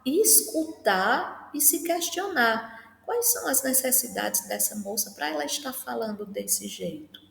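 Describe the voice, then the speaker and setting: A woman giving a classroom lecture, explaining step by step and often ending phrases with a questioning tag. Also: a little high. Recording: echoey hall with long reverb.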